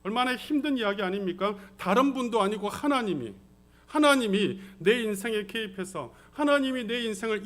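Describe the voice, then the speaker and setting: A man's voice: high-pitched, fairly bright tone. A male senior pastor delivering a sermon, repeating phrases for emphasis and putting rhetorical questions to the congregation. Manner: often addresses the congregation directly.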